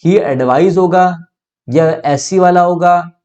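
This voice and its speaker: On a muffled recording, a young man with an Indian accent slowly explains English grammar online. His voice sits high and is a bit mellow, and he works through the material step by step, raising and answering his own questions.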